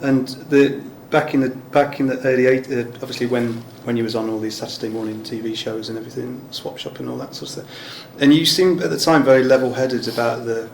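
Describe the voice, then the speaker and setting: A man with an English accent and a medium-pitched, gravelly voice asks informal, rambling questions in a casual interview chat. The room is echoey, with some background noise.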